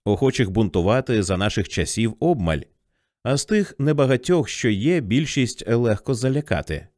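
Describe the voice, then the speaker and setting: A man's voice: medium pitch, lively intonation, moderate pace, a little mellow, dry recording, studio quality, lightly acted. A man voicing a tired, bitter old male scholar who lectures ruefully in an audiobook.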